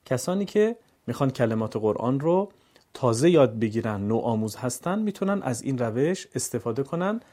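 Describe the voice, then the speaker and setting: Male recitation teacher, warm mellow tone, measured delivery with careful syllable drills. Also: medium pitch. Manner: clear, measured teaching with slow syllable-by-syllable demonstrations. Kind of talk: instructional lesson with letter drills.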